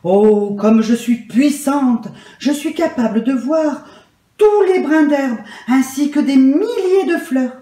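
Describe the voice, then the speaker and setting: Woman doing a little storybook water droplet, wondering, exclaiming, mellow, roomy echo. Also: high-pitched, animated, slow, pitched above the performer's own voice. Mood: proud.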